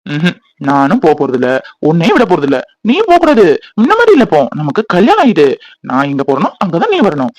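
A man's voice: fairly high pitch, wildly swooping pitch, fast talker, no echo. A man voicing a playful young husband in a cartoon who teases and mocks his crying wife. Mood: teasing. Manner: mocking, teasing.

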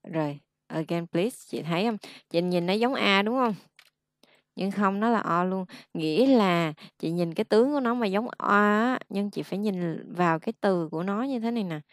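A woman's voice: mid-range voice, normal speed, no echo, clean studio sound. A woman teaching pronunciation one-on-one, patiently modelling each sound and explaining lip and tongue position.

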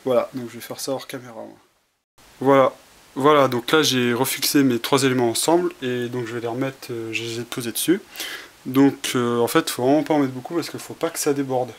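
A man's voice: medium pitch, steady tone, brisk. A man giving a casual how-to demonstration, talking through each step with many fillers and restarts while he works with his hands. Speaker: tutorial presenter. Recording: faint hiss, home camera audio.

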